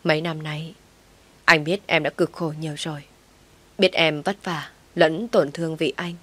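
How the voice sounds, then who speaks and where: A tender young man, badly wounded, talks in a faint, breathless murmur to the woman he loves, as a woman narrator puts him on. His voice sits a little low and quiet in an audio story. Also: fairly even intonation, unhurried, exaggerated voice.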